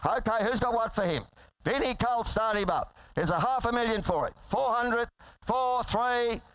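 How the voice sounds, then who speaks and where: A man working as a livestock auctioneer, calling bids in an urgent, repetitive, rapid-fire chant with bursts of sales patter. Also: extremely high pitch, fairly bright tone, smooth, no echo, poor audio. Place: live yearling sale.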